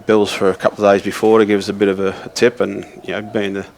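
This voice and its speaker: A man from Australia co-commentating a snooker match, rambling through stories with many pauses and ums. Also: on the low side, level tone, gravelly, a little mellow, a little hiss or hum. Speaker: co-commentator and former player. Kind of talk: relaxed snooker commentary and anecdotes.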